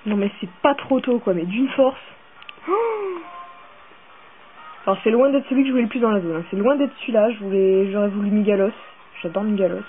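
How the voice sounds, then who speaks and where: Here a woman plays a video game and talks fairly quickly at a medium pitch, though she leaves long pauses. She swears, rambles, and gets excitable as she goes, all over faint music in tinny, phone-like sound.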